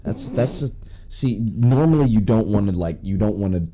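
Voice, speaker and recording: A man with a low, mellow voice hosts a casual podcast chat with friends. He rambles as he talks, restarting his sentences and filling the gaps with "um" and "like". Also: lively intonation, normal speed, slight background noise. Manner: rambling, many restarts and fillers. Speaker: podcast host.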